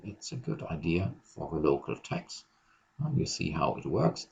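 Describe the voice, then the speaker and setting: Male lecturer, gravelly and unhurried, thinks aloud with many ums; muffled lo-fi lecture recording. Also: deep voice. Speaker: university lecturer. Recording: dull lo-fi recording.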